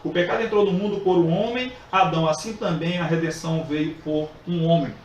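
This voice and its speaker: A man teaching a Bible study lesson, earnest and repetitive, pausing often with fillers as he explains. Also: on the high side, fairly even intonation. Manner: earnest, repeats phrases with frequent filler pauses. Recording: echoey room, distant mic, faint hiss.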